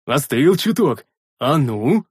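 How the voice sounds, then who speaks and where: A man voicing a burly, loud male warrior in an audiobook, bellowing and gruff, with a husky voice. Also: mid-range voice, very animated, slow, no echo, studio quality, full character voice. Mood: delighted. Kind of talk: audiobook character voice.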